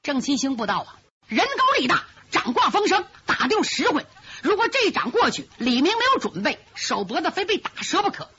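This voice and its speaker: A woman performing traditional pingshu storytelling, lively and dramatic, with vocal sound effects. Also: sits high, brisk, few pauses. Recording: lo-fi muffled recording.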